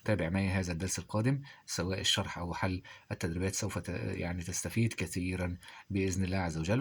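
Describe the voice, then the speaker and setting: A man's voice: low voice, a little hiss or hum. A man teaching grammar to pupils, asking rhetorical questions and answering them himself.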